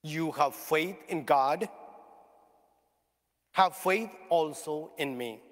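A male priest reads scripture in a slow, measured liturgical cadence, his voice sitting a touch high for a man. The sound carries a long cathedral echo and comes from some distance away in a large church. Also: a bit bright. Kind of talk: reading the Gospel at a funeral Mass.

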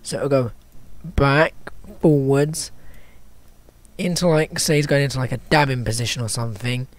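A man's voice: medium pitch, fairly even intonation, moderate pace, no echo. A man with hiccups talking through an animation tutorial in a casual, stop-start way, thinking aloud and correcting himself as he works. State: has hiccups. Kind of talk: casual screen-recorded tutorial.

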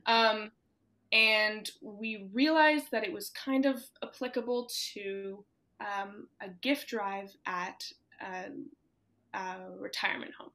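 Speaking slowly with a bright, forceful tone at medium pitch, the teen guest fields interview questions from her room at home, closet doors behind her. She's a student entrepreneur, cheerful and prone to giggles and ums, heard through her laptop's webcam mic on a video call.

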